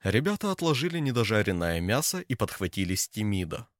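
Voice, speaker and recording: Low-voiced male audiobook narrator. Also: very animated, fairly quick, no echo, clean studio sound. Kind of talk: scripted narration.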